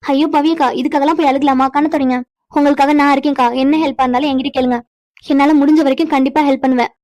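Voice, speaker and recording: A woman's voice: high-pitched, rapid-fire, dry recording, lightly acted. A woman voicing a caring young woman in a cartoon who reassures and questions the older sister figure. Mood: reassuring. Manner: reassuring, curious, lively. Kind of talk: animated cartoon dialogue.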